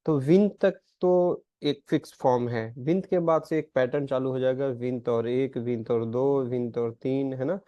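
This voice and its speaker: A man's voice: mid-range voice, dark tone, dry recording. Man teaching Portuguese numbers, dull lo-fi. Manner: explains in Hindi, reads out Portuguese examples slowly. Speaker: language teacher. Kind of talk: recorded lesson. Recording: dry, slightly dull lo-fi sound.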